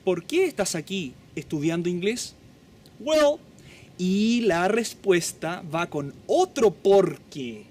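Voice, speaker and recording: A man who speaks Spanish as his first language, teaching English in a lesson and drawing out model words to be repeated. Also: high voice. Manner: slow, drawn-out model pronunciations with lively teacherly emphasis.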